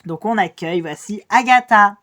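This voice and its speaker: A woman's voice: mid-range voice, normal speed, fairly bright tone, a little hiss or hum, natural voice. A woman voicing a chatty young reality-show host who rambles and hesitates with fillers. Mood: chirpy.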